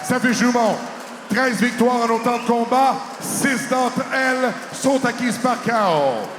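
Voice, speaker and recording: A man's voice: very high voice, a little slow. A man working as a boxing ring announcer, projecting formal arena introductions and stretching out names. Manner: switches between French and English. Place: large indoor boxing arena. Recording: echoey arena PA with loud crowd. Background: crowd noise.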